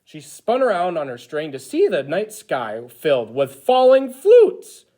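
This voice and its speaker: An eager, childlike Christmas elf played by a man reads a storybook aloud to children. The delivery is exaggerated and expressive, with pitch that swings widely from phrase to phrase. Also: measured pace, heavily acted. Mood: eager storytelling. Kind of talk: animated picture-book read-aloud.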